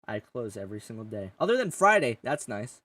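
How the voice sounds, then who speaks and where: Casual podcast host, male, mid-pitched, rambling and profane, a bit off-mic, dry sound. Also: big pitch swings, brisk, bright, forceful tone, recorded from a distance. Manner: rambling, swears often, jokey. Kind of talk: casual gaming chat.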